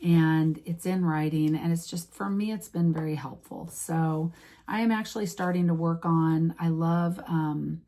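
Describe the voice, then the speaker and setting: A woman's voice: low-pitched, steady tone, measured pace, warm tone. A woman in her late fifties chatting casually to her followers, rambling with many restarts and fillers. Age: 50s. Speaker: vlogger. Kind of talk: casual chat to camera.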